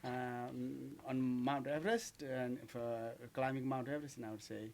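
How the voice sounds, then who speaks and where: A man's voice: mid-range voice, fairly even intonation, unhurried, creaky, darkish tone. A man from Nepal with a Nepali accent, answering interview questions in a radio studio, hesitant and full of "uh" and "um". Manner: hesitant, many "uh" and "um", simple phrasing. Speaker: guest, mountaineer.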